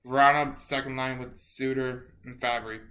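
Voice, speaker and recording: A man co-hosting a casual sports podcast, halting and repeating words as he thinks aloud. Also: mid-range voice, fairly even intonation, sharp tone. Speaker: podcast co-host.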